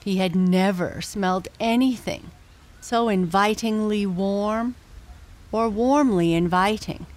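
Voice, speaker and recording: Very slow, soft woman telling a bedtime story. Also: medium pitch. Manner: gentle, unhurried, with long pauses.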